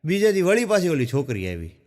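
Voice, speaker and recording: Comedian telling jokes in a reverberant hall. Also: male voice, wildly swooping pitch, a little fast, a little mellow. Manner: folksy storytelling, drops low for quoted characters. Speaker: stand-up comedian. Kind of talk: joke telling on stage.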